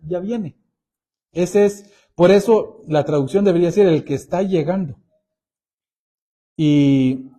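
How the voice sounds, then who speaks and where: High-voiced, mellow male preacher. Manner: deliberate, addresses listeners as brothers. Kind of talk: Bible teaching sermon.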